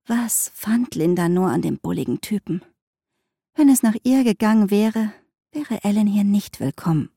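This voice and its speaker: A woman narrating a novel in an even, measured way. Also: mid-range voice, creaky, slightly rough, dry recording, studio quality. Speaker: audiobook narrator.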